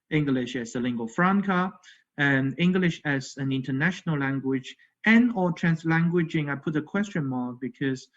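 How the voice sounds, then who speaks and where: Male academic presenter at a virtual conference, slightly high voice, halting delivery with fillers, dull lo-fi call sound. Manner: hesitant, frequent fillers and "okay" check-ins. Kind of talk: conference lecture. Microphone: video call.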